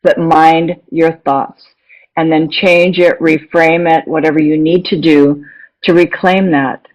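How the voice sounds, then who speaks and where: A woman's voice: low voice, flat delivery, a little slow, poor audio. A middle-aged woman speaking as an interview guest, earnest and encouraging, often restarting her sentences. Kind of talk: casual interview talk.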